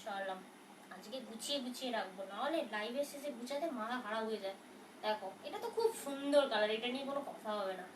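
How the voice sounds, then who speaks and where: A soft-spoken woman selling sarees on a live stream, talking in a chatty, reassuring way as she answers viewers' questions. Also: a little high, expressive, quick pace. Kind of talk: casual live sales talk. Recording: roomy, from a distance, faint noise.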